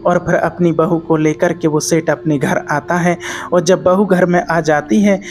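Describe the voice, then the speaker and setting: A male preacher tells a moral story in a measured, repetitive storytelling manner. His voice sits fairly high for a man. Soft background music plays faintly under his speech. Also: fairly even intonation. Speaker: spiritual preacher. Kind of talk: spiritual storytelling discourse.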